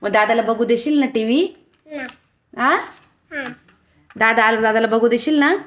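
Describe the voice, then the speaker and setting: A woman chats to her viewers in a casual home vlog. Her voice sits fairly high and turns playful and coaxing when she talks to a toddler. The sound is echoey, as in a bare room. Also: a little slow, a bit bright. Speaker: vlogger.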